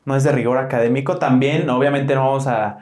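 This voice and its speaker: A man's voice: medium pitch, fairly even intonation, fairly quick, a little mellow. A young man with a Mexican accent co-hosting a casual podcast, talking in loose slang and swearing casually. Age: young adult. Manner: slangy, swears casually, says "güey" often. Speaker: podcast co-host.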